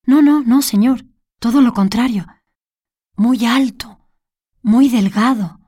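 A fretful, remorseful lady, as a woman reader puts her on, repeating herself in a higher, anxious storybook voice. The delivery is slow and mellow, heard close and dry with no room around it. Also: dry recording. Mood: distressed. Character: flustered middle-aged lady, remorseful. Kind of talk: storybook reading.

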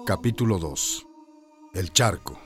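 A man's voice: deep voice, animated, takes it slowly, creaky, fairly bright tone, faint music behind. A man narrating a dramatized literary audiobook as a scripted storyteller.

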